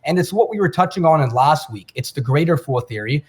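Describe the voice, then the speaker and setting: A man co-hosting a finance podcast, explaining markets in a measured, lecturing way. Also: a little high, expressive. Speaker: podcast co-host. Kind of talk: casual chat.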